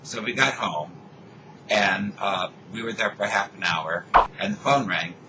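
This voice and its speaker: An older man with a low voice rambles through a story in casual chat. He gets animated when he acts out what people said. The recording carries steady background noise. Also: measured pace. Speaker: co-host telling a story.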